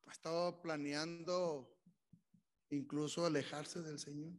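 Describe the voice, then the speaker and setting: A man's voice: a little high, little pitch movement, slow pace. A man preaching as pastor, giving an emotional altar call and voicing the prayers of his listeners. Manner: pleading, emotional, voices the congregation's prayers. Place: church sanctuary.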